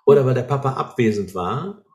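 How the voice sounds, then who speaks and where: A man's voice: medium pitch, animated, brisk, darkish tone. A man explaining ideas in an earnest way, often checking in with short tags like "right?", in a conversation. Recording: roomy echo.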